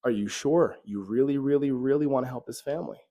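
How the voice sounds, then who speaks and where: A patient old wise man, voiced by a man telling a story speaks in calm, plain instructions. His voice sits at an ordinary middle pitch. He explains each step without hurry. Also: a little fast, natural voice. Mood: calm instructing.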